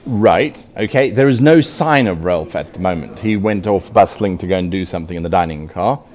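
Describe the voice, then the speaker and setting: A man's voice: low-pitched, moderate pace, darkish tone. A man narrating a live tabletop game as game master, storytelling theatrically at a convention session.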